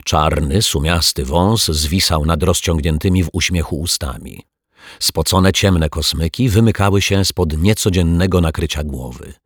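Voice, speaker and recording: Low husky man reading a story. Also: a little slow, no echo. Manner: lively, expressive storytelling. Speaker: audiobook narrator. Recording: dry close recording.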